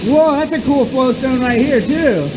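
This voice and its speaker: A man's voice: extremely high pitch, unhurried. A young man crawling through a wet cave, chatting casually and calling out what he finds. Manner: excited, calls out finds. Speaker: cave explorer filming himself. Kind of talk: casual chat while caving. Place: inside a wet cave with a stream. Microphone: helmet-mounted action camera. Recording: noisy cave recording.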